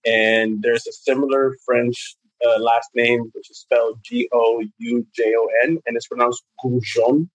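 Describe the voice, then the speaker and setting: A young man from New York, a guest actor giving long, thoughtful answers in a relaxed interview chat. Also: medium pitch, a little slow, few pauses, dry recording, lo-fi sound.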